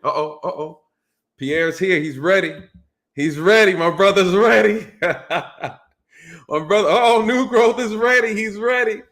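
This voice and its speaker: A man's voice: a little high, fairly bright tone. A man hosting a casual call-in show, speaking emphatically and repeating his points. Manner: emphatic, repetitive preaching cadence. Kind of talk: casual live-stream talk.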